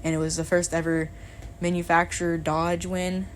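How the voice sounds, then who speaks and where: A woman's voice: on the low side, flat delivery, normal speed, a little hiss or hum. A young woman recounting her racing league's history in a rambling, unsure way, with a laugh now and then. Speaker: league member narrating history. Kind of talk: casual chat.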